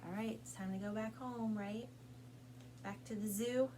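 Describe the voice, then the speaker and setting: A woman with a mid-range, steady voice leads storytime as a children's librarian, speaking at a normal speed over some background noise. She reads and sings along in a coaxing, sing-song way, as though to small children, and asks them questions.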